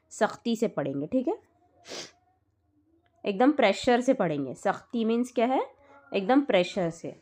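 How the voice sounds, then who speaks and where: In a mid-range, darkish voice, a woman patiently instructs a student in Quran recitation rules. She goes slowly, repeats each point, and checks that the student keeps up.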